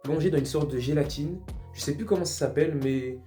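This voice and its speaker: Male vlogger reacting on the fly, mellow dark tone, faint music under it. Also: fairly high pitch, brisk. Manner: amused, thinks aloud, reacts as he discovers. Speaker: art vlogger. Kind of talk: casual reaction commentary.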